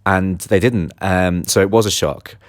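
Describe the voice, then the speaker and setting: Male podcast co-host, very low voice, dry close sound, chatty and teasing. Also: steady tone, a little slow, dry recording. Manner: teasing, chatty, lots of fillers. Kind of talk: casual cricket chat.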